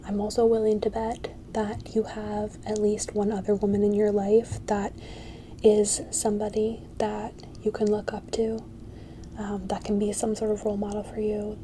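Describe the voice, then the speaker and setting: A woman giving a whispered ASMR pep talk, soft and halting, reassuring and encouraging. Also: mid-range voice, completely flat delivery, slight background noise. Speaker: ASMR creator.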